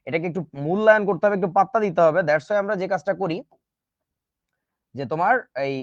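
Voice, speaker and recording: A man's voice: high voice, brisk, dry recording, dull audio. A man teaching a chemistry class in a casual, joking way, with speech. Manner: chatty, joking asides to students. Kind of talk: casual online class lecture.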